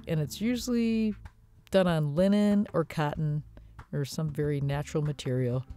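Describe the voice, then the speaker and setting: Gushing woman with a lively voice. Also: sits low. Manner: enthusiastic, gushing. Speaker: home decor vlogger. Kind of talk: casual shopping vlog voice-over. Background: soft guitar music.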